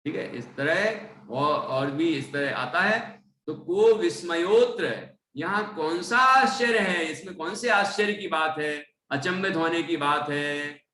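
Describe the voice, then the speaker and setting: Man slowly chanting and teaching verses. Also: on the high side, bright, forceful tone. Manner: chants verses slowly, then explains pronunciation and meaning; frequent "theek hai" checks with listeners. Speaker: Jain scripture teacher. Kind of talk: recitation and line-by-line teaching. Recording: echoey room, voice from a distance, faint background noise.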